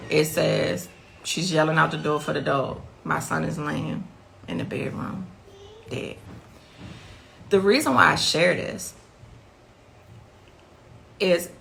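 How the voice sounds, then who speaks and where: A woman's voice: deep voice, gravelly, a bit bright, slight background noise. A middle-aged woman speaking as the mother of the victim, giving intense interview testimony and repeating key phrases for emphasis.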